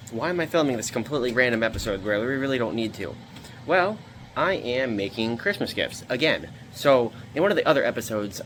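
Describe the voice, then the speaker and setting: A man's voice: on the low side, a bit bright, slight background noise. A man hosting a casual craft tutorial vlog, talking in a rambling, informal way with loose asides, recorded in a basement. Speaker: video host. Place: basement room indoors.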